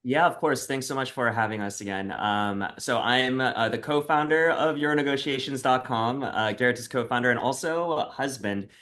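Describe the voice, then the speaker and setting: A man talking as an interview guest, halting and dotting his sentences with many "uh"s. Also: medium pitch, a bit bright. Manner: halting, full of "uh" fillers. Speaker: co-founder, guest.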